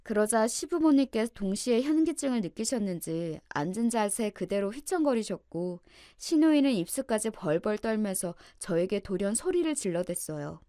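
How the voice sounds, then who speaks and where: A woman narrating a family drama story in the first person, steady and dramatic. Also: mid-range voice, normal speed, few pauses, no room sound, clean studio sound.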